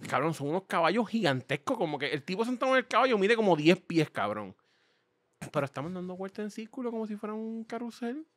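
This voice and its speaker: A young Puerto Rican man chats loosely and full of slang on a podcast. His voice sits on the high side and swoops up and down as he tells stories. The sound is dry and close, with no room around it. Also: fast, dry recording. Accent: Puerto Rican Spanish. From Puerto Rico. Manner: animated storytelling, slangy, acts out voices. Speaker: podcast host. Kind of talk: casual chat.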